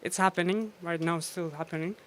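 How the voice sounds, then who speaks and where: A woman DJ chats through an interview. Her voice is smooth and resonant, and she laughs often as she tells her stories, with plenty of ums and uhs along the way. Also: on the low side, steady tone, a little fast. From Iran. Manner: laughs often, storytelling with many fillers. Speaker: DJ and guest. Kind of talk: casual interview.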